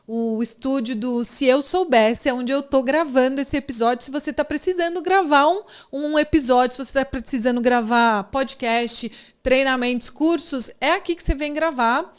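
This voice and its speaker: A woman's voice: sits high, moderate pace, clear, resonant tone. A Brazilian woman hosting a podcast in a casual, effusive and thankful way. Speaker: podcast host.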